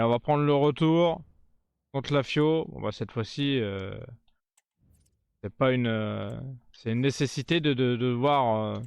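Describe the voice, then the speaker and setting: A man's voice: mid-range voice, gravelly, a little mellow, smooth, no room sound. A man giving casual running commentary on his video game, given to sarcastic, grumbling asides. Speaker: gaming video creator.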